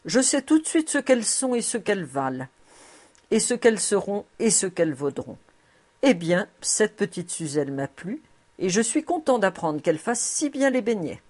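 A woman's voice: mid-range voice, very animated, normal speed, darkish tone. A woman voicing a shrewd, kindly old male rabbi who speaks in a fond, knowing way and pleads for others. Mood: assured.

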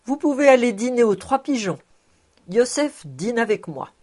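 A woman narrator puts on a big-hearted, jovial bachelor for a storybook reading. He talks in a hearty, expansive way and commands the room with good humour. His voice rises and falls with lively swings. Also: fairly high pitch, moderate pace, voice pushed up. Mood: jolly. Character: jovial, generous middle-aged bachelor man.

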